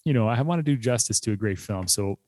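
A man co-hosting a casual movie podcast, laughing often and reading a quick plot rundown. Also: lowish voice, expressive, darkish tone, dry recording. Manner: laughs often, fast rundown read aloud. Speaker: podcast co-host.

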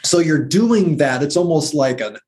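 A former anatomy teacher appears as a guest in a casual conversation, enthusiastically explaining muscles and breathing in heavy detail and listing muscle names. His voice is a little high, expressive and a little mellow, at a moderate pace.

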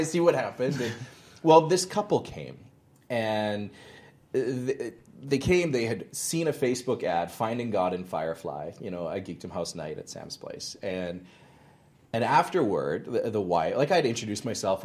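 A man in his thirties, a ministry founder, talking earnestly in an interview and telling stories with frequent restarts. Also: lowish voice. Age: 30s. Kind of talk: interview conversation.

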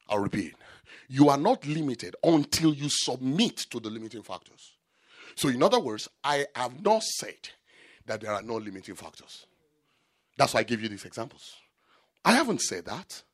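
A man preaching a sermon, shifting between loud shouted peaks and low quiet asides, repeating key lines for emphasis. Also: husky.

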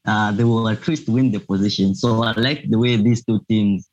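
A man's voice: lowish voice, fairly even intonation, normal speed, darkish tone, lo-fi sound. A young man from Zambia, a student guest in a casual interview, speaking hesitantly with many fillers. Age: young adult.

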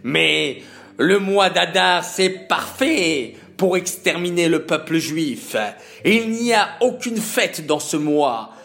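A man's voice: very high voice, lively intonation, slow pace, pitched above the performer's own voice, exaggerated voice. A man voicing a proud, furious villainous prime minister in a children's story. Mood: gloating. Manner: shouting, sneering, gloating.

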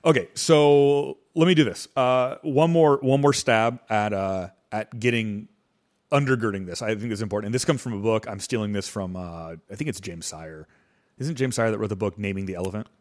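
A man's voice: fairly low pitch, normal speed. A young adult man hosting a casual podcast, explaining ideas in a rambling way with lots of fillers and restarts. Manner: rambling, self-correcting, heavy on fillers. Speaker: podcast host. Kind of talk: casual chat and teaching.

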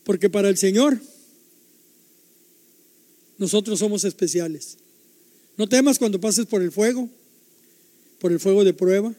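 A man's voice: sits high, a little slow, pauses often, warm tone, big-room sound. An older man preaching a sermon, emphatic and repetitive, putting rhetorical questions to his listeners.

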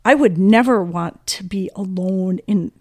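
A middle-aged woman recounts a personal story in a relaxed talk, her voice emotional and full of acted-out quotes. Her pitch sits in an ordinary middle range. The sound is dry and close, with no room echo. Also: a little slow. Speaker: guest, mother of the host. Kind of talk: casual storytelling conversation.

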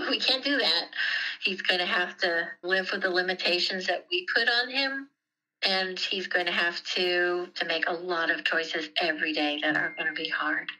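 The interviewee, a middle-aged mother of the story's subject, talks in a fairly low, sharp-toned voice, reflecting openly in conversation and repeating words to stress them. The recording is low quality.

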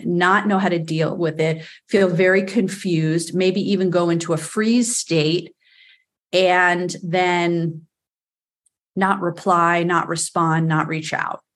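A woman with a New York accent, a guest on a podcast interview, explaining earnestly with frequent fillers. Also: on the low side. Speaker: attachment specialist guest.

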